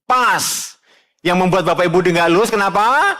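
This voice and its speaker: Male pastor, sermon; colloquial, direct address, shifts between quiet earnest and raised emphatic exhortation. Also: normal speed. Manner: emphatic, swings from low earnest tones to loud raised exhortation. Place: church.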